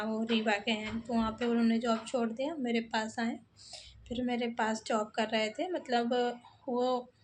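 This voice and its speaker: A young woman from eastern Uttar Pradesh tells her own life story in a casual, halting, emotional way, with many restarts and repeats. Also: a little high, a little hiss or hum.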